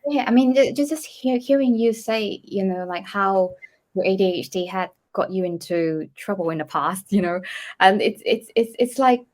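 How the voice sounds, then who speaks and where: A woman who grew up in Asia, interviewing a guest in a relaxed and reflective way and relating the story to her own. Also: medium pitch, normal speed. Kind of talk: casual interview.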